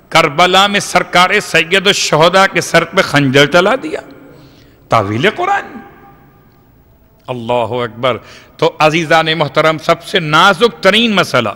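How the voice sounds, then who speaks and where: A man addresses a congregation in a large prayer hall, his voice bright and sitting a little high. He teaches with rhetorical questions and breaks into recited Arabic verses. The sound carries a long reverb from the hall. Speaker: Shia cleric giving a majlis lecture. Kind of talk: religious lecture to a congregation.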